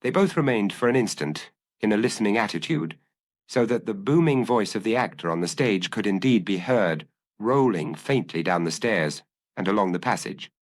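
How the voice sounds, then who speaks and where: Male narrator, low voice, lively intonation, dramatic audiobook reading. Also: moderate pace.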